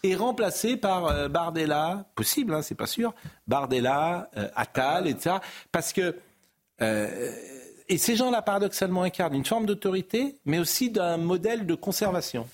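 A man's voice: high-pitched, sing-song, moderate pace. A man hosting a TV debate show, speaking emphatically and with indignation, firing off rhetorical questions. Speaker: host.

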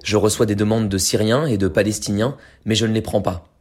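Low man's voice through a voice changer. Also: fairly even intonation, fairly quick. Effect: voice altered by a voice changer. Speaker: anonymous interviewee. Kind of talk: recorded testimony.

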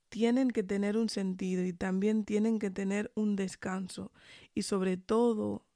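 A woman's voice: mid-range voice, dark tone, no echo, studio quality. A woman with an accent from Spain giving an earnest, encouraging motivational monologue straight to the listener as a podcast host, speaking while sick with a sore throat. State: sick with tonsillitis and fever.

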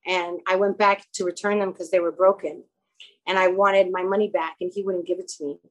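A woman's voice: on the low side, a little fast, rough recording. A woman, a guest who acts and runs a clothing store, telling rambling anecdotes in a casual interview. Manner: animated, rambling anecdotes with quoted dialogue.

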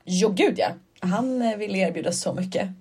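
A woman's voice: mid-range voice, a little mellow, breathy edge. A woman co-hosting a podcast in casual chat, telling stories playfully and animatedly with lots of giggling. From Sweden. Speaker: podcast co-host. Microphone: podcast studio mic.

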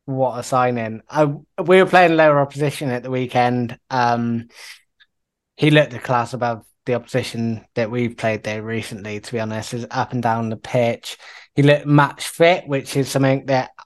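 A man chatting on a football podcast, talkative and quick to laugh, often restarting his sentences. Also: medium pitch, steady tone. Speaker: podcast co-host. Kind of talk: casual football podcast chat.

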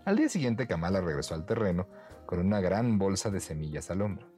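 Expressive man narrating a bedtime story. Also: low-pitched, a little fast, faint music behind.

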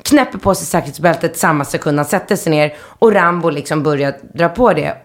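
A woman in her thirties, a podcast host telling a story in lively casual chat and acting out the people in it. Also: low voice. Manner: animated storyteller, acts out quotes loudly.

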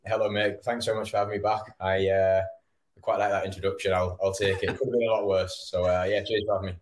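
A man's voice: low-pitched, level tone, fast talker. A man with a Teesside accent chatting casually about football as a guest, hesitant and often repeating his words. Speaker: podcast guest, football fan. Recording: roomy, echoing sound.

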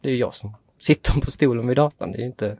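A man in his late twenties, a podcast guest, telling a story in a lively, casual way and acting out quoted dialogue. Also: medium pitch, no echo.

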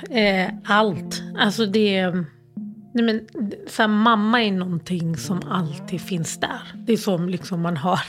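A grieving woman as an interview guest, telling a personal story in a halting, emotional way with many restarts. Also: fairly low pitch.

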